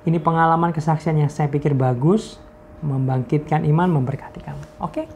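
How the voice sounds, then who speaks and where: A man's voice: fairly high pitch, moderate pace, creaky, darkish tone, a little hiss or hum. A man preacher sharing a testimony, acting out quoted voices and dropping to whispers for emphasis. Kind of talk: testimony talk.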